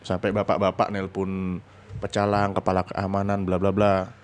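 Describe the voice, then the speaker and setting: Lively man telling a story. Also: normal speed. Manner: animated, acts out quoted voices with sudden high pitch. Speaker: podcast guest storyteller. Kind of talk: casual storytelling chat.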